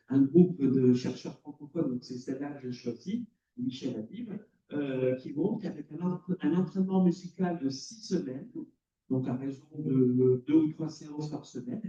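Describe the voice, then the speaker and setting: Speaking at a moderate pace with a warm, medium-pitched voice, a man lectures on cognitive psychology at a conference, explaining and quizzing listeners. The lecture-hall recording comes across as roomy, distant and dull.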